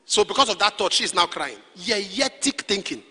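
Pastor preaching, real high bright voice, husky edge, big echoey church hall. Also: male voice, big pitch swings, normal speed. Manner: preaching with sudden shouted peaks and low asides. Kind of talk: sermon. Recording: echoey hall with long reverb.

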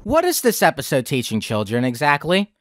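A man's voice: a little high, huge pitch swings, fairly quick, slight background noise. Sarcastic young man ranting in a review. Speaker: video critic host.

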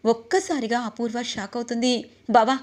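A woman's voice: fairly high pitch, normal speed, a little mellow. A woman narrating a dramatic TV serial story recap in a storytelling manner.

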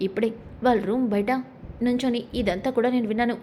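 A woman's voice: fairly high pitch, steady tone, quick pace, warm tone, a little hiss or hum, natural voice. Woman reading an insistent, scheming young wife. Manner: insistent, tattling. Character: scheming young daughter-in-law who schemes and tells tales.

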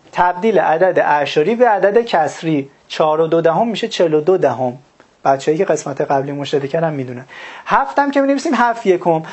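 A woman teaching a recorded math lesson. She explains step by step, puts questions to her students and answers them herself, and often fills pauses with "uh". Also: mid-range voice, a little mellow, husky. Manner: frequent "uh" fillers while thinking; addresses students directly, urges them to work along.

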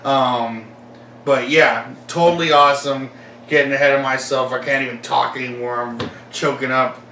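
A man's voice: medium pitch, fairly even intonation, moderate pace, pushed and bright, echoey room, far from the mic, slight background noise, low-quality recording. A young man rambling casually about his collection, full of fillers and enthusiasm. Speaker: collector vlogger.

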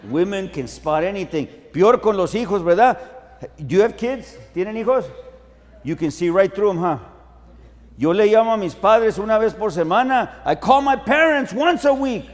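Slow-spoken, humorous male preacher. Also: high voice, expressive. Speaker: pastor. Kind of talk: bilingual sermon. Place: large conference hall. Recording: long hall reverb.

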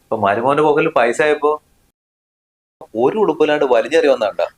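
A man's voice: on the high side, fast talker, lightly acted. An actor playing a scornful young husband who snaps at his wife in a family short film. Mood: angry. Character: harsh money-proud young husband.

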